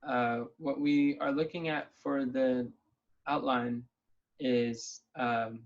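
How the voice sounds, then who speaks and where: A man runs a relaxed planning session over a video call, thinking out loud in an upbeat, easygoing way. His voice sits at an ordinary middle pitch. The call audio is dull and lo-fi. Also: slow. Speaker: meeting leader.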